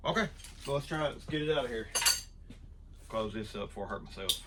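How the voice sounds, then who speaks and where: A man's voice: medium pitch, lively intonation, fast, heavy background noise. A man hosting his woodworking channel, talking casually and rambling through an unboxing in his shop. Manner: rambling, self-deprecating, restarts often. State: out of breath.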